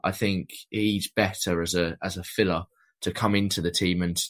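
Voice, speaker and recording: Man, podcast panelist, very deep voice, measured, leans on "kind of". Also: steady tone. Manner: measured, lots of "I think" and "kind of". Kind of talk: casual fan podcast chat.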